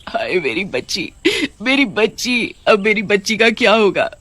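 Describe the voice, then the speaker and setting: A woman voicing a widowed mother who becomes a gentle witch in a cartoon horror story. She speaks in a pleading, emotional way. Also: medium pitch, big pitch swings, normal speed. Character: grieving widowed mother turned witch, tender.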